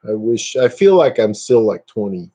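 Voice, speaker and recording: A man in his fifties chats through a live stream with a relaxed, mellow voice that sits a little low. He jokes easily and pokes fun at himself as he goes. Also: normal speed. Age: 50s. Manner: joking, self-mocking, chatty. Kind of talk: casual live-stream chat.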